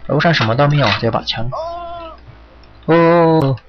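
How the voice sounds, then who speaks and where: A man's voice: a little high, normal speed. A man doing casual, cursing commentary while he plays a game, urging characters along. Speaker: gaming streamer. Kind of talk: live gameplay commentary. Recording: dull lo-fi with loud game music. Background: game music.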